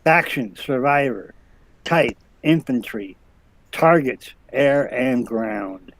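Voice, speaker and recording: A man's voice: mid-range voice, animated, slow pace, no room sound, rough recording. A man co-hosting a live show, reading game item stats aloud in a methodical, list-like way.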